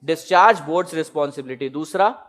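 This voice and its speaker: Young man, exam tutor, lecture, slightly high voice, conversational, humorous examples, rhetorical questions. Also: fast talker, fairly bright tone. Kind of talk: classroom lecture.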